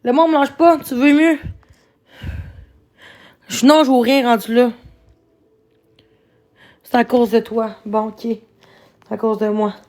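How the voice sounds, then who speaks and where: A woman with a Québécois accent, streaming live on her phone and angrily ranting at her chat, swearing and shouting. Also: on the high side, fairly even intonation, slow, pauses often. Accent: Québécois French. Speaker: livestreamer. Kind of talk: angry livestream rant.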